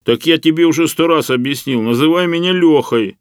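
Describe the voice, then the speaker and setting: Storybook: man playing a blunt, exasperated everyman, colloquial, raised and lively delivery. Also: on the high side, brisk, smooth, no room sound, clean studio sound, voice pushed up, close to an everyday voice. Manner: irritated, colloquial, emphatic. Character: blunt, exasperated young Soviet-era man, Lyokha.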